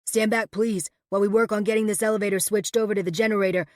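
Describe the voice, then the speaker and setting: A woman narrator voicing a male firefighter who calls out loudly in a brisk, official way. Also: medium pitch, steady tone, no echo, studio quality, close to an everyday voice. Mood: urgent. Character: firm male firefighter calling through doors.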